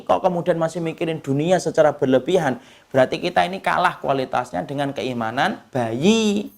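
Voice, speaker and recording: With a gravelly, rough voice pitched on the high side, this Islamic preacher delivers an animated sermon. Questions go out to the congregation and he supplies the answers, occasionally breaking into short comic impressions of others.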